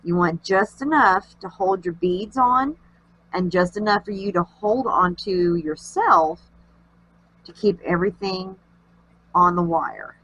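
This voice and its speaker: A woman's voice: fairly low pitch, takes it slowly, fairly bright tone, slightly rough, low-quality recording. Nasal, congested woman chatting through a craft tutorial. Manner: chatty, homey, talks while working. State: congested from allergies. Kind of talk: casual craft tutorial narration.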